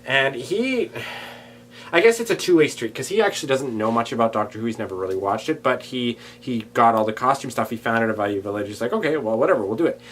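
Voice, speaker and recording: A man chatting on a casual video diary, drifting from one tangent to the next. His voice sits at an ordinary middle pitch, jumping from loud, excited bursts to quiet, muttered asides. A faint hum runs underneath the recording. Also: a little fast. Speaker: vlogger. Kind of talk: casual rambling vlog.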